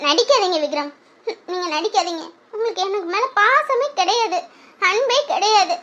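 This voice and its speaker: Woman doing a sulking young wife, very high voice, reproachful, dull lo-fi sound. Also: lively intonation, normal speed, pushed and bright, exaggerated voice. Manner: reproachful, laughing through complaints. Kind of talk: Tamil audio drama.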